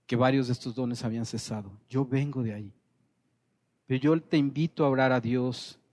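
A man's voice: mid-range voice, darkish tone. A man preaching a sermon as pastor, earnest and repeating phrases for emphasis.

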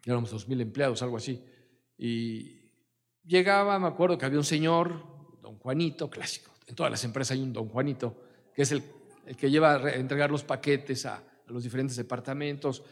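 A man's voice: medium pitch, fairly quick, big-room sound. A middle-aged man with a Mexican accent preaching a sermon, mixing scripture with personal stories in a conversational way. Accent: Mexican Spanish. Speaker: pastor.

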